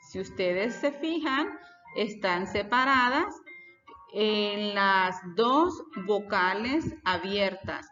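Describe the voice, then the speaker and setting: A woman's voice: mid-range voice, a bit bright. A woman teacher giving a lesson, explaining step by step and putting questions to her students. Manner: deliberate, explains step by step and asks the class questions. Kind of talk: recorded class lesson. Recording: reverberant, dull lo-fi sound with faint music.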